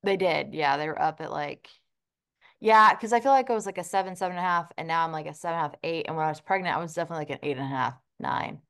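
A woman co-hosting a podcast, chatting casually in an agreeable, relaxed way. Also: low-pitched, very fast, clear, resonant tone. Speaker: podcast co-host. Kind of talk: casual chat.

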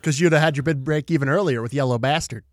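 A man co-hosting a comedy podcast, firing off deadpan jokes and silly wordplay. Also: a little high, quick pace, no room sound, studio quality. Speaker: podcast co-host. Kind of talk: casual comedy podcast banter.

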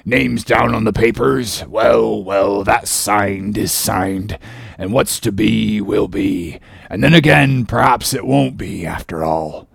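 An actor playing a ragged, ominous old sailor who talks in cryptic warnings and sometimes bursts out shouting. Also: male voice, on the low side, slow pace, no room sound, clean studio sound, exaggerated voice. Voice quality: gravelly, growling. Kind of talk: audiobook drama acting.

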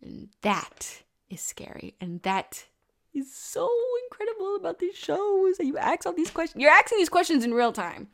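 A young woman casually reviewing a show in an animated, rambling way, swearing now and then and mocking characters in put-on voices. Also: very high-pitched, normal speed, gravelly.

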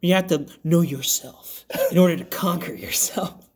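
A man's voice: fairly high pitch, normal speed, darkish tone. A young man hosting a casual podcast, telling stories animatedly, swearing and laughing often. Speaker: podcast host.

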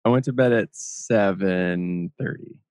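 A man's voice: deep voice, unhurried, a little mellow, dry recording, clean studio sound. A man hosting a podcast, talking casually in a rambling way and laughing often. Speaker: podcast host.

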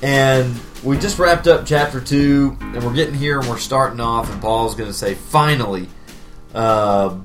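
A man co-hosting a casual Bible study podcast, speaking at a middling pitch. He talks in a relaxed, wry way, thinking aloud with fillers. Soft guitar music plays faintly underneath. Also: measured pace. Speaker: podcast co-host.

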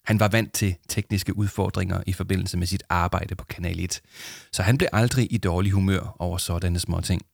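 A man's voice: sits low, fairly even intonation, gravelly, dry recording, clean studio sound. A man reading a children's story aloud for his podcast, casual and self-deprecating between chapters. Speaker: podcast host and reader.

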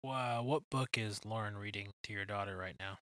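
A young man hosts a relaxed podcast conversation, ribbing his guest and laughing easily. His voice sits a little low but rings very bright and forward. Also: normal speed, no room sound. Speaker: podcast host. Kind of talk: casual chat.

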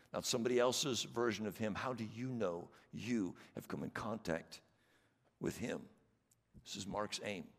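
A man's voice: on the low side, vocal fry. A man preaching a sermon as pastor, earnest and emphatic, repeating his questions to the congregation. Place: church sanctuary. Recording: long church reverb.

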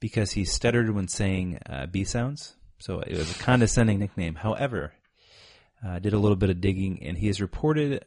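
A man co-hosting a sports podcast, telling facts in a measured, casual way. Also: sits low, lively intonation, darkish tone, no room sound, studio quality. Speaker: podcast co-host. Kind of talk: casual chat.

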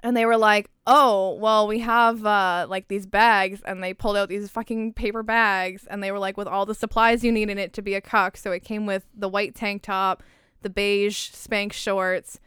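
A young woman from Canada telling a story in casual chat, excited, swearing freely and laughing as she goes. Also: mid-range voice, normal speed, clear, resonant tone, no room sound, studio quality. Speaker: podcast co-host.

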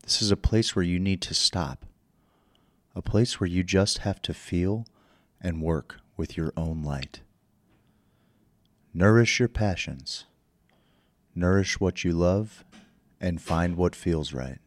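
Low voiced guy talking you thru a meditation real slow, super dry close mic. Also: no echo. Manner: slow, soothing instructions. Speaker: meditation guide. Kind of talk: guided meditation.

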